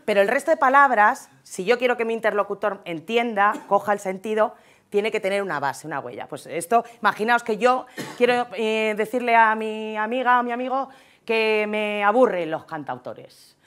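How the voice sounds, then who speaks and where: A woman with a Spain Spanish accent giving a humorous conference talk, chatty and joking, often tagging her sentences with a quick question to the audience. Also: medium pitch, a bit bright. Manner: chatty, jokey, keeps tagging lines with "¿eh?". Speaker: conference speaker.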